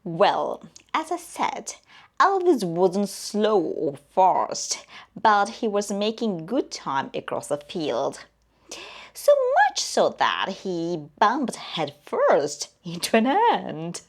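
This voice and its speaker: A woman narrating a children's story as a friendly owl, in a slow, expressive way that often drops to a whisper. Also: mid-range voice.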